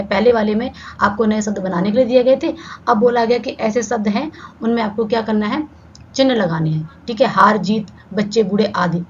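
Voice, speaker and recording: A woman teaching an online Hindi grammar lesson. She explains step by step and keeps checking in with "ठीक है". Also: mid-range voice. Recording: slightly dull lo-fi sound with faint background hiss.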